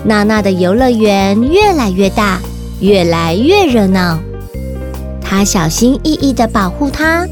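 Over background music, this Taiwanese Mandarin-accented woman tells children's stories in a medium-pitched voice with lively intonation, never hurrying. As host and narrator of a kids' story podcast, she addresses young listeners directly.

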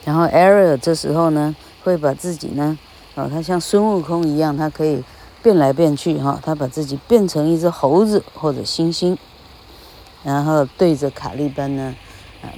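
A woman with a Taiwanese Mandarin accent, chatting casually as an English teacher, often laughing and spelling words out slowly. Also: deep voice, warm tone, slight background noise.

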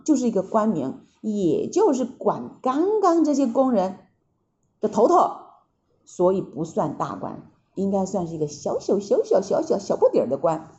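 A woman narrating a classic tale for children, slow and expressive, speaking directly to her listeners. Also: on the high side, lo-fi sound. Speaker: storyteller.

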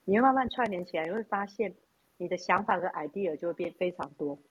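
A woman with a Taiwanese Mandarin accent chats casually at a quick pace. Her voice is husky and mid-pitched. The recording is a little dull and muffled. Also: lively intonation. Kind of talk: casual chat.

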